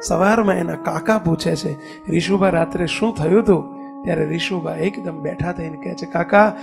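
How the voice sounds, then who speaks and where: Gravelly high-pitched male preacher. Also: steady tone, normal speed, music in the background. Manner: preaches with rising emphasis, acting out cries and dialogue. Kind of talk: sermon with storytelling.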